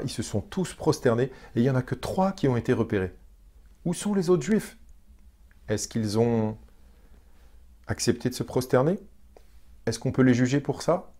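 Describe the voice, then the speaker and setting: Guy preaching, chatty, keeps asking the crowd stuff, lots of restarts, mid pitch. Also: dark tone. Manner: conversational, asks the congregation questions; frequent restarts and hesitations. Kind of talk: sermon.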